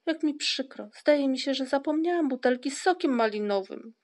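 A woman reading the part of Moominmamma, a gentle, modest mother troll, in a storybook. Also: high voice, expressive, normal speed, pitched above the performer's own voice. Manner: gentle, soft-spoken. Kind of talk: audiobook character reading.

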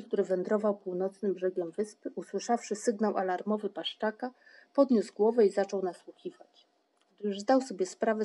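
Woman, storybook narrator, mellow warm tone, expressive measured telling. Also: medium pitch, husky.

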